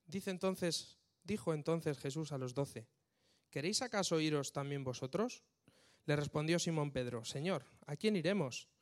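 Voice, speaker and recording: A man's voice: on the high side, expressive, normal speed. A man preaching a casual sermon, reading scripture and often checking in with his listeners.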